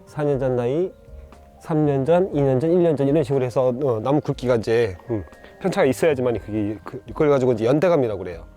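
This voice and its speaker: Male bonsai grower, casual demo, a bit high-pitched, stop-start delivery over faint background music. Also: dark tone. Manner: halting, many fillers and restarts, pointing things out. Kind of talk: casual instructional demonstration.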